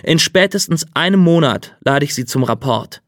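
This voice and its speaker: A man's voice: on the high side, lively intonation, normal speed, a bit bright, no room sound, studio quality. A man voicing a cold, insistent middle-aged state official in an audiobook reading. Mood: coolly satisfied.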